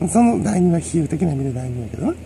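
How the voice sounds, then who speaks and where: A man with a Kansai accent rambles through a solo monologue, lecturing and chuckling to himself. His voice is gravelly and dark, with pitch that leaps around. Faint noise sits under the recording. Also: big pitch swings, very fast. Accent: Kansai Japanese. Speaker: solo commentator.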